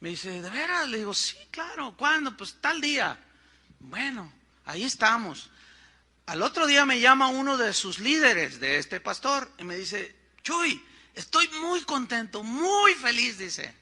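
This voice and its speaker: A man's voice: extremely high pitch, sing-song, measured pace, pushed and bright. A middle-aged man from Mexico with a Mexican Spanish accent, a pastor telling a story in a sermon, acting out the voices of the people he quotes and adding conversational asides.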